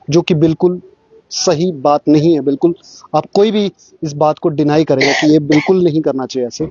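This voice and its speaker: A male vlogger reporting on the spot and interviewing, halting and leaning on filler phrases. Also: a little high, dark tone, slightly rough, no echo, dull audio. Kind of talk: on-the-spot news-style vlog reporting.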